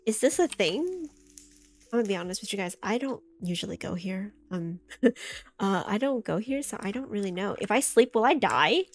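A woman's voice: mid-range voice, animated, moderate pace. A young woman chatting casually through a game, easily startled, often yelping and screaming in alarm. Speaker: gaming YouTuber. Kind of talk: casual let's play commentary. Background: soft background music.

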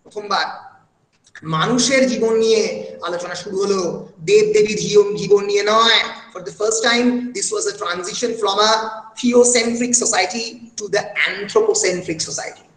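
Man, high voice, literature lecture, many "uh" fillers, roomy echo. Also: fairly even intonation, slow, fairly bright tone. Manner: recites quotations with feeling. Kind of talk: online lecture mixing Bengali and English.

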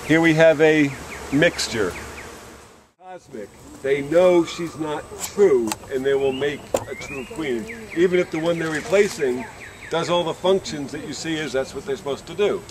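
A man teaching beekeeping outdoors beside the hives, talking gently to the bees as he explains. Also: fairly high pitch, lively intonation, unhurried, background noise. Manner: coaxing, talks to the bees. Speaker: beekeeping instructor. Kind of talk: hands-on teaching talk at the hives.

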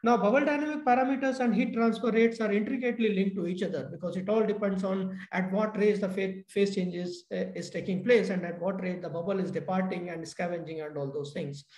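A middle-aged man giving a technical keynote lecture over a video call, halting with many fillers and restarts. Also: high-pitched, steady tone, a little mellow. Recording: echoey room.

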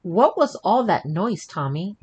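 A man putting on a teasing high-voiced wife. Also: very animated, a little mellow, a little hiss or hum. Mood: suspicious. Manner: taunting, slow and drawn out. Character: teasing young wife, playful and skeptical.

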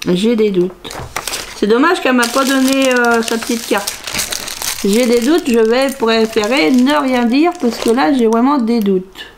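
In a slightly high voice, a touch slow and carrying a faint hiss or hum, a middle-aged woman talks casually to camera from her indoor craft room. The crafts vlogger thinks out loud and sing-songs the same phrases again and again as she looks through her purchases.

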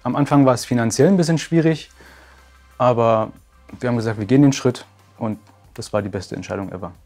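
A man's voice: medium pitch, a little fast, darkish tone, soft background music. A man in his forties, a martial arts school owner, speaking plainly and upbeat in a testimonial interview. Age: 40s. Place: bright room with curtains, indoors.

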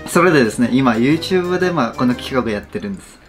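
A man's voice: mid-range voice, animated, rapid-fire, faint music behind. A young man in his twenties with a Japanese accent, chatting casually with strangers on a webcam, polite, shy and laughing often. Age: 20s. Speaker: vlogger. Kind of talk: casual video-chat banter. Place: small bedroom with gaming chair.

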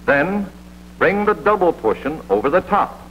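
This American man's voice sits on the high side and moves in a sing-song pattern at ordinary speed. He delivers scripted, authoritative instruction as narrator of a vintage military training film. Hum and hiss run through the dull old film audio.

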